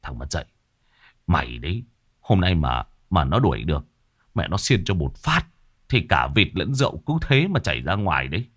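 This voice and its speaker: A man voicing a blunt young man who grumbles and curses in a low voice. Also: sing-song, moderate pace, a bit bright, husky, heavily acted. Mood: cursing.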